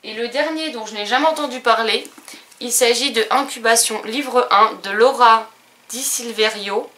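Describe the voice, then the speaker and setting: A woman's voice: on the high side, moderate pace, pushed and bright. A woman with a French accent chatting casually in a haul video, hesitant and full of fillers. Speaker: book and stationery vlogger.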